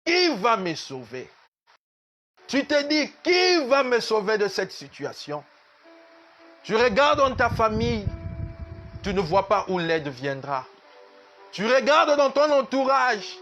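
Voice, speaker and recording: A man's voice: sits high, sing-song, takes it slowly, long pauses, a bit bright, dull audio, soft background music. A man pastor, preaching a sermon at a church service in an emphatic, repetitive way that slips into sung lines.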